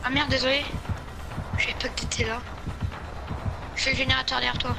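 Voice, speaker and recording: A woman's voice: sits high, level tone, fairly quick, gravelly, music in the background. A woman chatting casually while playing a horror game with a partner, with sweary, exclamatory reactions. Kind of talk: casual gameplay chat.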